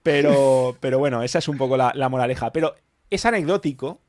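A man's voice: medium pitch, a little fast, a little mellow, no echo, studio quality. A man from Spain with a Valencian accent, hosting a casual podcast chat in a blunt, emphatic manner, swearing freely. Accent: Valencian Spanish. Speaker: podcast host.

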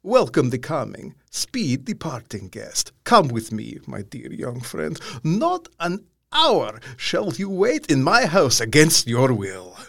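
A man playing a courteous yet menacing vampire count in an audio drama, commanding and mocking, with a slow, theatrical delivery and a husky voice. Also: mid-range voice, huge pitch swings, dry recording, clean studio sound, exaggerated voice. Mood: mocking politeness. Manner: slow, theatrical, stately, with sudden swells.

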